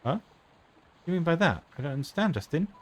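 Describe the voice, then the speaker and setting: A man's voice: lively intonation, fairly quick. Guy putting on a pouty little girl voice, clingy and fired up, game dialogue read aloud. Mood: upset. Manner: reading game dialogue aloud in a higher put-on voice. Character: young girl, spirited and clingy.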